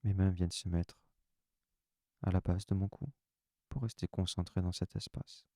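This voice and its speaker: A man with a low, deep voice leads a guided relaxation session. He speaks in calm, soft, unhurried phrases, close and dry with no room sound. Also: no echo. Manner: calm, soft, unhurried first-person instructions.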